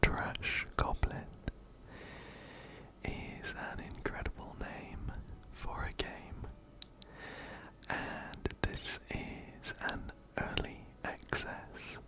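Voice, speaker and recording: In a slow, breathy ASMR whisper, a man narrates a video game right up against a binaural microphone that captures sound ear to ear. He softly repeats words as he goes.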